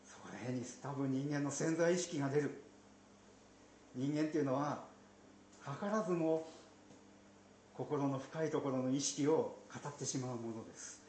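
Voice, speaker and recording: A man's voice: medium pitch, a little slow, pauses often. Chatty male pastor in an echoey room. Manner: chatty, with playful asides and soft laughs. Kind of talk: conversational Bible teaching. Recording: roomy echo, faint background noise.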